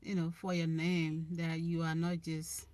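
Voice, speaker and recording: This relationship channel host is a young Liberian woman whose low, monotone voice is a little slow and a little mellow. She has a Liberian accent, chats casually with viewers on a live stream, and gives earnest advice while often restarting what she's saying.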